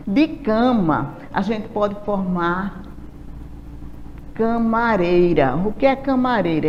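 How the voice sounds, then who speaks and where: Brazilian woman teacher, slow and patient, dull lo-fi track in a reverberant room. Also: medium pitch, a little mellow, a little hiss or hum. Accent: Brazilian Portuguese. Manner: slow, patient, asks rhetorical questions. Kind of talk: recorded classroom lesson.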